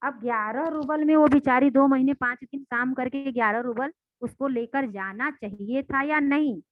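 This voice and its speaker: Brief: woman teacher walking a class through a story, slightly high voice, dry close phone-quality recording. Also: normal speed, dry recording. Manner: retells and explains, asks rhetorical questions. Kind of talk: explaining a story in a lesson. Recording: dry, tinny phone-like sound.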